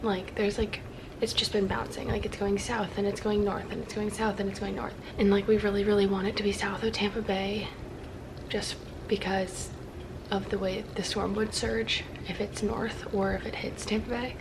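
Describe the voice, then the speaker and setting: A woman's voice: mid-range voice, level tone, normal speed, background noise. A woman chatting casually to camera in a hesitant, rambling way with lots of filler. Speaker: vlogger.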